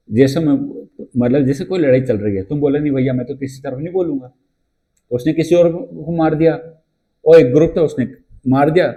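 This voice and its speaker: A male teacher gives an exam-prep lecture in a chatty, storytelling manner, posing questions to his class and answering them himself, and reading English textbook lines slowly. His voice is fairly high-pitched and warm.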